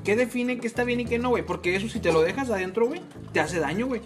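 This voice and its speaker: A man's voice: extremely high pitch, very fast. A man with a Mexican accent co-hosting a casual podcast among friends, talking in a slangy, irreverent, joking way. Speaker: podcast co-host. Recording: music behind the voice. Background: music.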